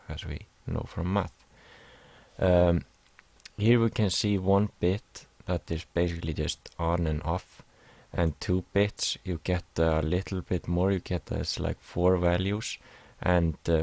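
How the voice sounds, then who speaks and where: Very low gravelly man. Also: darkish tone, no echo. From Iceland. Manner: hesitant, many fillers and restarts. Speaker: music production student. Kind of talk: explaining a class assignment over slides.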